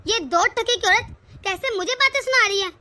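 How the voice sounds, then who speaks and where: A woman's voice: extremely high pitch, normal speed, bright, forceful tone, full character voice. A woman voicing a scheming, vengeful middle-aged mother-in-law in a cartoon, with taunting, spiteful muttering.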